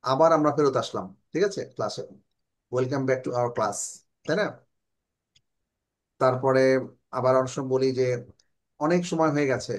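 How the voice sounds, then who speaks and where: A man with a Bangladeshi accent teaching an online English class, explaining in Bengali and slowly modelling English phrases. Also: medium pitch.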